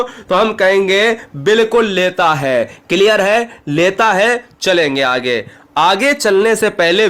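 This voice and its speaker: A man with a Bihari Hindi accent teaching an exam-prep grammar lesson, speaking straight to his students and asking them quick rhetorical questions. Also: sits high, fairly bright tone. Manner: addresses students directly, asks rhetorical questions.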